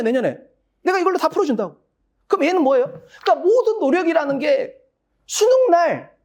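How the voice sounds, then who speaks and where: An English cram-school instructor at an info session for parents, talking bluntly and emphatically with rough slang and rhetorical questions they answer themselves. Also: high voice, a little mellow. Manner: asks rhetorical questions, then answers them.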